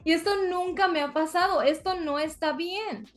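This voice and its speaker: Animated high-voiced Mexican woman telling a story. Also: moderate pace, crowd noise. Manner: animated storytelling, acts out quotes. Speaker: podcast co-host. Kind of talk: casual chat.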